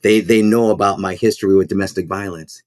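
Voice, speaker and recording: A man's voice: low-pitched, fairly even intonation, no echo, clean studio sound. A man who is a school principal and minister, speaking in a podcast interview in an earnest, reflective way that halts and repeats words. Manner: halting, repeats words while thinking.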